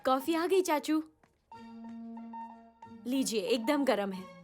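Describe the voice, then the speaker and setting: A young actress dubbing a caring, polite young woman in a comedy film, speaking gently and courteously. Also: high-pitched, animated, takes it slowly, over music.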